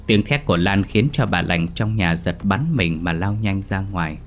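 A man narrating a horror story dramatically, slowing down at grisly details. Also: low-pitched, soft background music.

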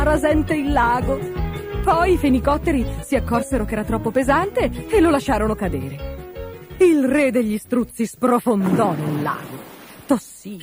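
A woman narrating a fairy tale aloud in an expressive, playful storybook style. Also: on the high side.

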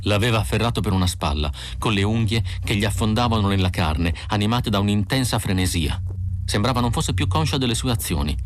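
A man narrating an audiobook with slow, measured reading. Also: on the low side, a little hiss or hum. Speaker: audiobook reader.

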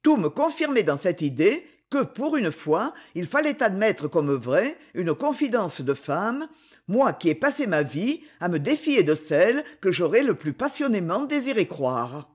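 A reader narrating a classic French story in an expressive, measured way. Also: mid-range voice. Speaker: audiobook reader. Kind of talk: literary narration.

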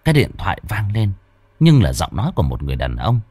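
A man's voice: low-pitched, wildly swooping pitch, fast talker, darkish tone, slightly rough, no echo. A man narrating a horror audiobook in a dramatic storytelling manner.

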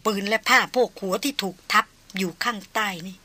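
A woman's voice: mid-range voice, fairly quick, sharp tone. A woman voicing a grieving veteran male hunter who speaks in a subdued, choked, polite way. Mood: grave restrained.

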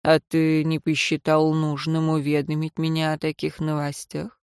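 A stern, cold royal councillor, put on by a woman narrating an audiobook. He questions slowly and coldly, a little below her usual pitch. The sound is close and dry. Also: monotone, darkish tone, clean tone, dry recording. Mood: coldly interrogating. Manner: slow, cold, interrogating.

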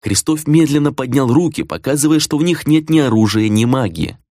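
A man narrating a fantasy novel in an expressive, dramatic reading. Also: mid-range voice, brisk, dry recording, clean studio sound. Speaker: audiobook narrator. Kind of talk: scripted narration.

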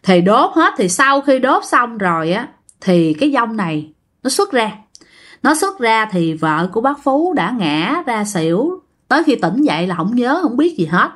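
A woman's voice: on the high side, sing-song, a little slow, fairly bright tone. A woman with a Southern Vietnamese accent telling a ghost story casually, chatting straight to her listeners.

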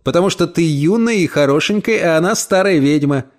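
Young husband standing up for his wife, firm and reassuring, a bit high, narrator doing him. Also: animated, brisk, close to an everyday voice. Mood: soothing. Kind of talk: audiobook character voice.

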